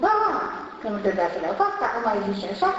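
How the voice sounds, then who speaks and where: A woman, a nun, giving a homely spiritual talk on marriage, unhurried and repeating phrases for emphasis. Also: medium pitch, very animated, a little hiss or hum. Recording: distant voice in a reverberant hall, dull lo-fi sound.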